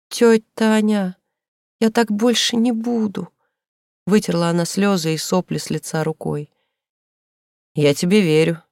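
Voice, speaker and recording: Woman narrating a story, gravelly voice, dry close sound, steady. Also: lowish voice, no room sound. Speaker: audiobook reader. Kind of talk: scripted narration.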